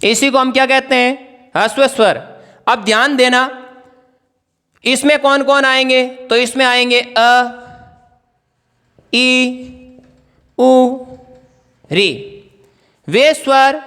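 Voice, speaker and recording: A man's voice: extremely high pitch, steady tone, slow, long pauses, sharp tone, smooth, long reverb tail. A male teacher giving an exam-prep grammar lesson, asking questions and answering them himself as he writes on a board. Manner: writes on a board while explaining.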